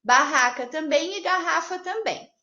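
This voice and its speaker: A Brazilian woman teaching a Portuguese lesson to children, upbeat and patient, checking in with the class after each point and drawing out example words slowly. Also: high voice, lively intonation, bright, forceful tone. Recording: roomy, slightly dull home video audio.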